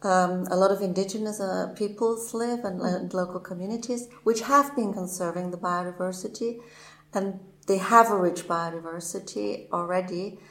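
A woman's voice: lowish voice, normal speed, a bit bright, echoey room. A woman speaking in a discussion, hesitant and full of fillers. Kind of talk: panel discussion.

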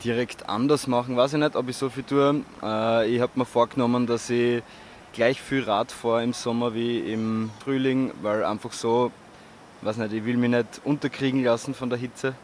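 A man's voice: medium pitch, steady tone, normal speed, darkish tone, a little hiss or hum. Casual man in a street interview. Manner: casual, self-mocking. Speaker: passer-by.

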